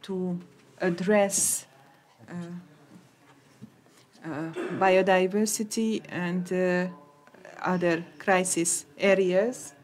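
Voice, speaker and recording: A woman interpreting conference talks into English, halting, with many hesitations and restarts. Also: fairly low pitch, fairly even intonation, a little mellow.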